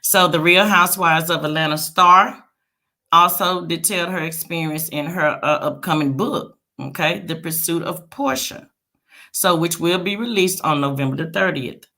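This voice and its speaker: A woman hosting a casual celebrity gossip livestream, chatting straight to her viewers with frequent check-in tags like a quick okay. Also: lowish voice, bright, forceful tone.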